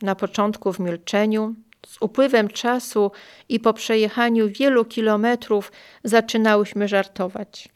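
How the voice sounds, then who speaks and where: An older woman reading her own memoir aloud in a calm, measured, quietly emotional way. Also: mid-range voice, clean tone. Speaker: memoir narrator.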